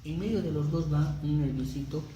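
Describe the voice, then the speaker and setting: A man's voice: a little high, brisk, warm tone. A man teaching anatomy to a class, conversational, often checking that students follow. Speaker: anatomy lecturer. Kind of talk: classroom lecture with jokes. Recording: very echoey room with background noise.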